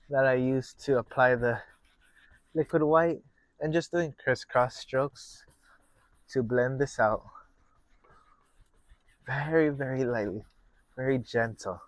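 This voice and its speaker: A man hosting a painting lesson, talking through each step casually in a gentle, encouraging manner. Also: mid-range voice, dry recording. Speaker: painting instructor and show host.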